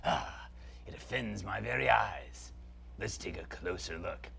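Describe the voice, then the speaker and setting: A haughty sorcerer prince, as a man puts him on, with a low, gravelly voice. He swoops through his lines theatrically, lingering over every word. Now and then he sinks into a conspiratorial stage whisper. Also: lively intonation, unhurried, heavily acted. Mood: pompous. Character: pompous grand male sorcerer villain prince. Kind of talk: comic product skit.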